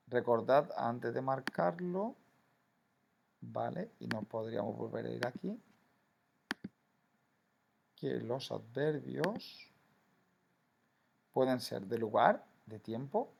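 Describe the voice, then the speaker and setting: A man's voice: mid-range voice, creaky, a little mellow, breathy edge. A man teaching a grammar lesson to schoolchildren, explaining patiently and often checking in with "¿vale?". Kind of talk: recorded classroom grammar lesson.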